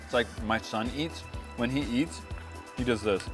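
A man in his thirties, excitable and joking, chatting as co-host while tasting steak. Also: medium pitch, normal speed, music in the background. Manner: excitable, animated, jokey. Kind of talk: casual cooking chat.

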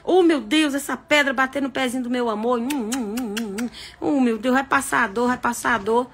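A doting husband who coos and hums over his wife's small hurts, as a woman acts him out in a quick joke. The voice sits high. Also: fairly bright tone, a little hiss or hum. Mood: cooing. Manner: cooing then curt. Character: doting young husband turned gruff.

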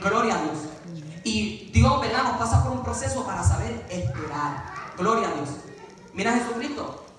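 A man's voice: high-pitched, animated, moderate pace, fairly bright tone. A man preaching a sermon at a youth vigil in a church, fervent, breaking off with repeated praise refrains between points. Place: church sanctuary. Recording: very echoey church from far off, congregation audible.

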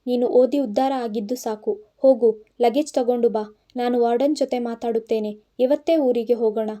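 A woman's voice: fairly high pitch, steady tone, normal speed, dark tone, natural voice. A woman voicing a stern middle-aged village father who scolds with a raised voice. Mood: furious scolding.

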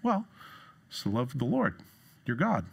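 Middle aged guy preaching in church, sarcastic, bouncy, does funny high voices for quotes. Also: unhurried, gravelly, breathy edge. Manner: lively, jumps into a high voice for quoted lines. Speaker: pastor. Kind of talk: sermon. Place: church stage.

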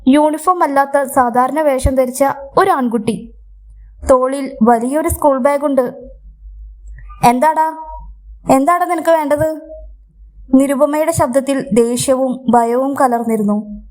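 A woman narrating a scripted story in a steady, measured reading. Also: high-pitched.

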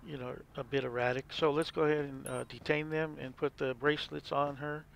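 Gravelly man narrating his gameplay. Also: on the high side, a little fast, a little hiss or hum. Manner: relaxed, rambling, explains as he plays. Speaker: gameplay video host. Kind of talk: casual game commentary.

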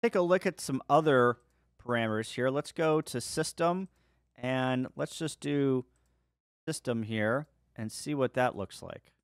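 A man hosting his own channel, talking viewers step by step through a software setup in a relaxed, casual way. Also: mid-range voice, unhurried, clear, resonant tone, no room sound, studio quality. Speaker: ham radio video host. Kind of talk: screen-share software tutorial.

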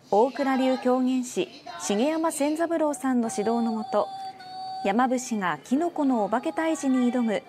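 A woman's voice: fairly high pitch, background noise. A woman news announcer reading a scripted report in a formal style.

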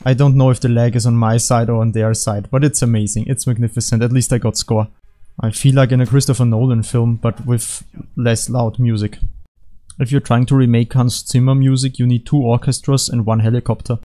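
Mellow-voiced man joking over gameplay. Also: medium pitch, a little fast. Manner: deadpan, rambling, jokey asides. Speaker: gaming commentator.

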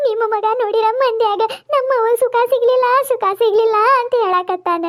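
A woman's voice: very high voice, fairly quick. A woman voicing a young cartoon daughter-in-law who fake-wails over her mother-in-law, with a North Karnataka Kannada accent. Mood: loud wailing. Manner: sing-song wailing lament. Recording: muffled lo-fi audio.

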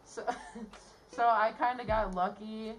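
A woman's voice: fairly high pitch, steady tone, slow pace, a little hiss or hum. A young woman in a casual interview, talking in a giggly, rambling way, her voice muffled inside a costume head. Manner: giggly, rambling, laughs often. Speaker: fursuiter interviewee.

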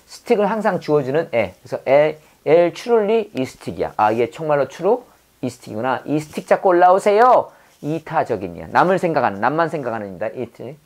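A woman with a notably low voice leads a vocabulary lesson. She stretches English words out syllable by syllable and repeats them several times. Between the words she keeps asking her viewers quick quiz questions. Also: expressive, a little mellow. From South Korea. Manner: repeats words and quizzes the viewer, drawn-out pronunciation drills. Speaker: English teacher. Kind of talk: vocabulary lesson with mnemonic wordplay.

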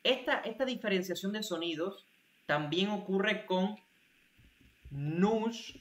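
A man's voice: high voice, lively intonation, moderate pace, fairly bright tone. A man teaching a language class online, explaining grammar and often checking that students follow. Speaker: Portuguese teacher.

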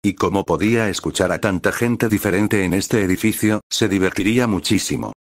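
A man narrating a fan fiction story in a steady storytelling manner. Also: sits low, fairly quick, dry recording, studio quality.

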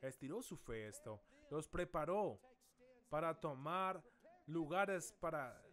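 Man pastor preaching in church, kinda high voice, goes quiet and slow then big loud calls. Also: lively intonation. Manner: dramatic, swings from soft and slow to loud calls. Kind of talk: sermon.

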